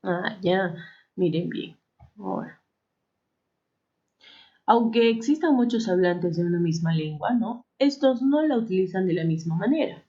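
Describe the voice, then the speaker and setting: A woman's voice: mid-range voice, expressive, unhurried, pauses often, dark tone, dull audio. A woman from Arequipa with a Peruvian accent, explaining a lesson to students, checking in often with tag questions and correcting herself as she goes. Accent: Peruvian Spanish, Arequipa. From Peru. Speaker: teacher. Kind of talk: classroom lesson.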